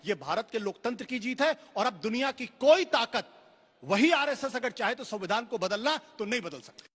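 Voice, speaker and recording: A man arguing forcefully as a panelist in a heated political debate, speaking over others. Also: extremely high pitch, animated, normal speed, long reverb tail.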